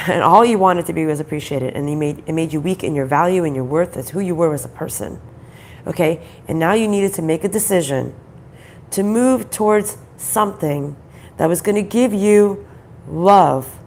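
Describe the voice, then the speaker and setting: Groggy, creaky-voiced woman reading cards. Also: lowish voice, darkish tone, slight background noise. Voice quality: groggy, croaky voice. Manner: halting, repeats phrases, asks rhetorical questions. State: throat trouble, voice off. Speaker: spiritual card reader, host. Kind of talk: conversational intuitive card reading to viewers.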